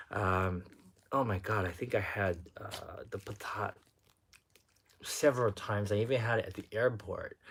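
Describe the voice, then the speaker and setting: A man hosting a casual livestream, chatting excitably and reading out viewer comments as he goes. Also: fairly low pitch. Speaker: livestream host.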